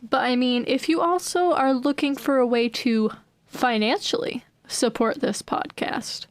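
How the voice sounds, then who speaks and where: Young woman, podcast co-host, playful and giggly, slightly high voice, dry sound. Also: lively intonation, normal speed, clear, resonant tone, dry recording. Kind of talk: casual podcast chat. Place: home bedroom.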